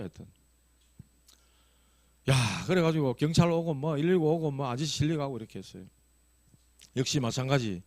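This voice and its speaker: Storytelling Korean pastor with lively pitch. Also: male voice, dry recording. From South Korea. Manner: storytelling, conversational with rising emphasis. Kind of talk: sermon. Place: church sanctuary.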